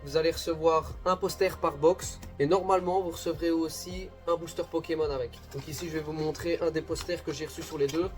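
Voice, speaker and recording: A man with a slightly high voice chats casually to his viewers while unboxing, joking at his own expense along the way. Soft music plays faintly under his voice. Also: fairly even intonation, a little fast, hardly any pauses. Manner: chatty, self-deprecating, addresses viewers as "guys". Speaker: unboxing video host.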